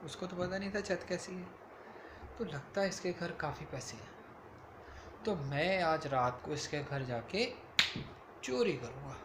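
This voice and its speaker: A man voicing a sly male thief in a bedtime story, talking low and scheming. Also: animated, measured pace, long pauses, echoey room, noisy background.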